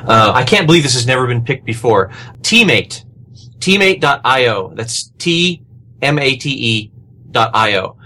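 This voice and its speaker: A man talks on a podcast panel in a loose, casual way. He gushes with excitement and piles on the praise as he explains. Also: mid-range voice, moderate pace, slight background noise. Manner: excited, gushing.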